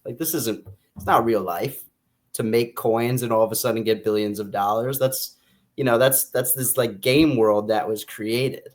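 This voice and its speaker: This American podcast co-host discusses a book in a relaxed, halting manner, frequently doubling back to restate what he means. His voice is mid-range and his tone stays steady.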